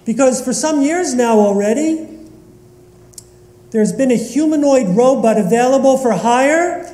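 A Northeast Philadelphia man serving as rabbi jokes and banters with his congregation during a sermon in a synagogue sanctuary. His voice is extremely high-pitched and warm-toned, heard through echoey hall reverb.

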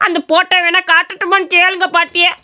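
A woman's voice: very high voice, little pitch movement, fast, pushed and bright, exaggerated voice. A woman voicing a poor, cheeky young village boy who sells idlis in a cartoon story. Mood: complaining. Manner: cheeky and scolding, village Tamil.

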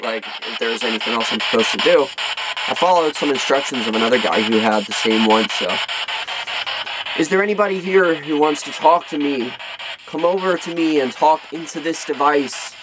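A man's voice: fairly high pitch, expressive, moderate pace. A young man talking casually to camera as a paranormal vlogger during a ghost hunt. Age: young adult. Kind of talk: casual talk to camera while ghost hunting. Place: attic, indoors. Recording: loud radio static and sweep noise. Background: spirit box sweeping loudly through radio stations.

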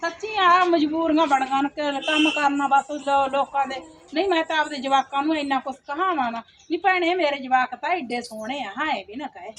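A woman's voice: high-pitched, moderate pace, background noise, lightly acted. Woman playing a weary, poor village laborer. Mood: pleading. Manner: plaintive, complaining, sighs to God. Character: poor young village woman, a day laborer and mother, weary and put-upon. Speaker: actor in a home-made skit. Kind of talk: amateur village drama.

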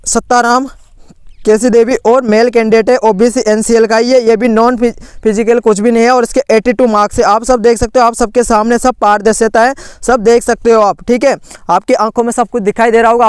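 A man with an extremely high, smooth voice hosts an education channel, pressing viewers through admission lists shown on a screen recording. His tone is urgent and indignant, packed with restarts and "theek hai." The recording is dry and studio quality.

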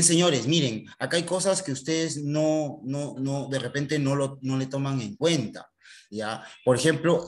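In an online recording, a medium-pitched man teaches a computer class, speaking directly to his students and checking in constantly with a quick "¿ya?".

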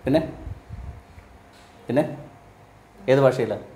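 A man from Kerala teaching like a preacher, firing quick rhetorical questions at his listeners and dropping low and quiet at the ends of his points. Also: a little hiss or hum. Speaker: spiritual teacher. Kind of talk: sermon-style teaching to a live audience. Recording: roomy echo from a hall.

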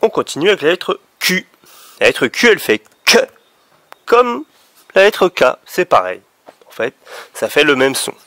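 A man's voice: on the high side, very animated, a little slow, pauses often, fairly bright tone, no echo. A man teaching young children letter sounds, patiently drawing out each sound. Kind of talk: phonics lesson for young children.

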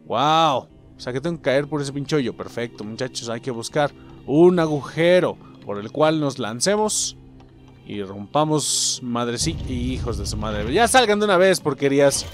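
A man with a Mexican accent giving profane, excitable let's play commentary and yelling at enemies. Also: medium pitch, normal speed, soft background music. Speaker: gaming host.

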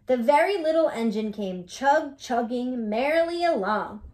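A woman teacher reading a storybook to children, gently and with soft asides. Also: high voice, animated, a little slow.

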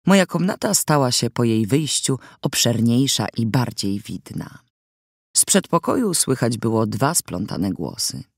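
A man's voice: mid-range voice, sing-song, measured pace, vocal fry, breathy edge, no room sound. A man narrating an audiobook in the first person, in a wry, mock-solemn storytelling manner, recorded in a studio.

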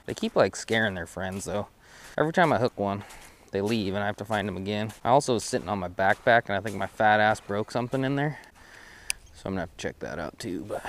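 Recorded on a head-mounted action camera, a young man fishes from a creek bank beneath a bridge and offers casual, rambling commentary to camera. His mid-range voice is laid-back and self-deprecating, dotted with "uh"s, over slight background noise.

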